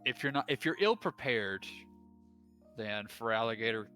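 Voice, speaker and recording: A man's voice: mid-range voice, animated, a little slow, sharp tone, soft background music. A young man coaching in a game league, talking casually and eagerly, restarting sentences as he explains. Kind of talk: casual stream chat.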